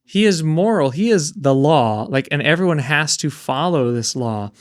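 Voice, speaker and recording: A man's voice: on the high side, expressive, normal speed, no echo, studio quality. A man co-hosting a book discussion, talking in a thoughtful, questioning way with hesitant fillers. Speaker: book podcast co-host.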